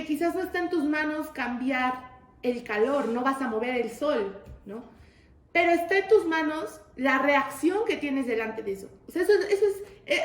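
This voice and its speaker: A woman's voice: high-pitched, echoey room. A woman giving a conversational religious lesson, addressing her listeners as brothers and asking frequent rhetorical questions. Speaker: teacher of a religious study group.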